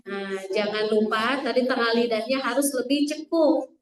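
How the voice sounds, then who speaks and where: A woman's voice: fairly high pitch, fairly even intonation, normal speed. A woman teaching a Quran recitation class, demonstrating letter sounds over and over and asking the students questions. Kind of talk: classroom tajwid lesson. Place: classroom with some students online. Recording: echoey room, mic at a distance.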